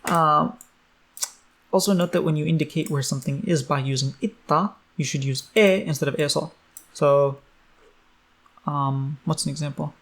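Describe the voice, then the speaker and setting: A man's voice: fairly high pitch, normal speed, long pauses, a bit bright. A man teaching a language in a casual online lesson, loose and chatty with many ums.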